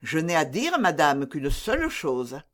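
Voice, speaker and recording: A woman's voice: low voice, very animated, unhurried, a bit bright, pitched below the performer's own voice, exaggerated voice. A woman reading an audiobook and voicing an evasive young male courtier who plays naive and stays deferential.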